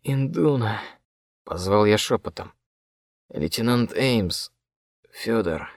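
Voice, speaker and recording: A man's voice: fairly low pitch, lively intonation, takes it slowly, dry recording, clean studio sound. A man narrating in the first person, his voice a faint, dreamy, half-conscious murmur that seems to come from far off. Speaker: audiobook narrator.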